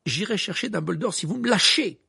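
A frantic teenage boy wizard, pushing his voice high and loud as he pleads for help, as a man acts him out. The tone stays gravelly and husky underneath, with no room sound at all. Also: wildly swooping pitch, fairly quick, no room sound, clean studio sound, heavily acted. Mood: urgent. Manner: pleading, urgent, shouting at times. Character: panicked teenage boy wizard, urgent and stubborn.

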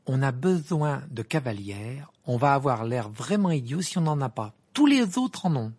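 A gravelly, husky teenage boy wizard, sulky and teasing, his voice leaping up and down, as a reader puts him on in an amateur audiobook. He laughs and stammers when worked up. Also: mid-range voice, very animated, moderate pace, a little mellow, voice pushed up, heavily acted. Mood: pleading.

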